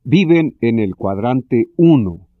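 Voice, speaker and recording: A man narrating a scripted self-help lesson in a measured, explanatory way. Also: mid-range voice, expressive, no echo, narrow, tinny audio.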